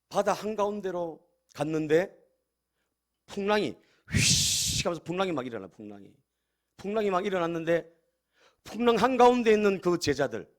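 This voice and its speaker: A male pastor delivers a sermon with a lively, swinging voice that sits a little high. He keeps turning to the congregation with rhetorical questions. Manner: addresses the congregation often, asks rhetorical questions.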